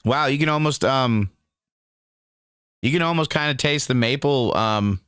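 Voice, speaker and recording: A young man in a relaxed, rambling review vlog, talking easily and calling the listener dude and man. His voice is smooth and clean, recorded dry and close with no room sound. He sits at a middle pitch. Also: measured pace, no room sound. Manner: laid-back and rambling, calls the viewer dude and man. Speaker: cannabis strain reviewer.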